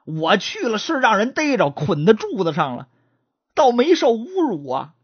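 A woman's voice: a little high, sing-song, normal speed, breathy edge, no echo, dull audio. A woman voicing a grumbling resentful old father. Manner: grumbling, rising indignation.

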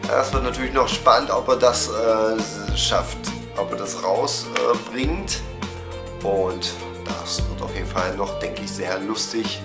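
A young man in his twenties, sounding off because of a cold, chats straight to his webcam from a small room at home, recapping the week for his fan channel. His mid-range voice carries reverb, and his casual talk is stuffed with fillers.

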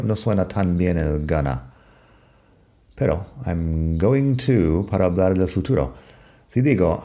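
A man with a low, mellow voice teaches in an unhurried podcast lesson. His first language is English, and he reads example sentences slowly and patiently before explaining them.

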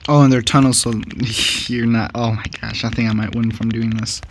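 Excitable man commentating a game. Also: medium pitch, moderate pace. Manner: excitable, laughs and trash-talks his opponent. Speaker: gaming channel host. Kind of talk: casual gameplay commentary.

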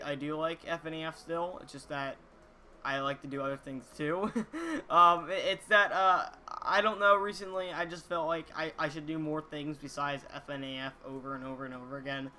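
Bright-voiced teenage boy chatting to camera. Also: fairly high pitch, slight background noise. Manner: halting, earnest, repeats words. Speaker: YouTuber reading viewer comments. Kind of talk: casual chat to camera. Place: small indoor room, gaming chair.

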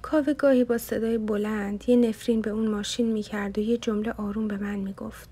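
A woman narrating an audiobook in steady storytelling. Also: mid-range voice, faint music behind.

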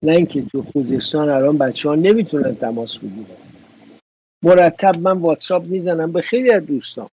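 A man's voice: a little high, animated, warm tone, slightly rough, highs cut off. A man hosting a political commentary show, talking indignantly and sarcastically in a studio.

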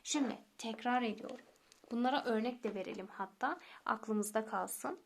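Patient woman teacher, fairly high voice. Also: creaky, slight background noise. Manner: patient, repeats rules step by step, addresses listeners as friends; slows down to recite example words. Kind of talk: recorded tajweed lesson.

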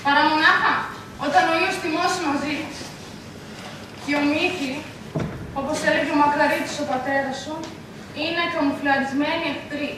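A woman's voice: high voice, steady tone, background noise, natural voice. A woman acting an anxious, devout mother in a school stage play, lamenting and pleading, recorded from far off on an echoey stage. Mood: worried. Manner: fervent, prayerful, lamenting. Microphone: distant camera mic.

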